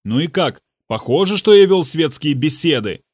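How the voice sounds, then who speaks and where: A man voicing a shaken, irritated husband who snaps back curtly, close to shouting. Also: medium pitch, lively intonation, a little slow, dry recording. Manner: irritated, snapping.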